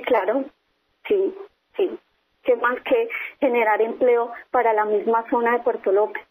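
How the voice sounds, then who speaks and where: Woman, firm and insistent, slightly high voice, tinny phone line. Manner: firm, insistent, repeats her points. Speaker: company employee interviewed by phone. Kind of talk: phone interview. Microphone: telephone.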